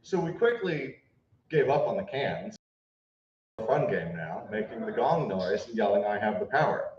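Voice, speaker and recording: A man's voice: mid-range voice, animated, a little mellow. Young guy doing a eulogy, earnest w a bit of humor, roomy echo, kinda far from the mic. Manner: earnest, lightly humorous, halting at times. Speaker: eulogist at a memorial. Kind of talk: memorial speech, anecdotes then a reading. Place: memorial service hall. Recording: echoey, distant, dull room recording.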